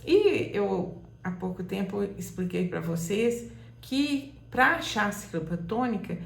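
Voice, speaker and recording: A woman with a fairly high, gravelly voice gives a slow, patient grammar lesson. She repeats her examples and now and then calls a word out loudly to show where the stress falls. The room sounds echoey. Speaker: Portuguese teacher.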